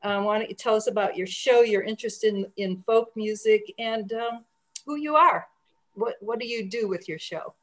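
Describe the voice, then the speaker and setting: A woman's voice: medium pitch, moderate pace. A woman hosting a conversational radio interview over a group call, speaking in an encouraging, appreciative way. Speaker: radio station host interviewing programmers. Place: remote group video call.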